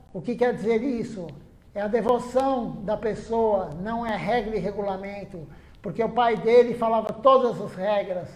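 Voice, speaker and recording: A man's voice: sits high, darkish tone, reverberant. A man giving an earnest devotional sermon at a temple, stressing his points by repeating them. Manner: earnest, repetitive emphasis. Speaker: temple speaker. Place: temple hall.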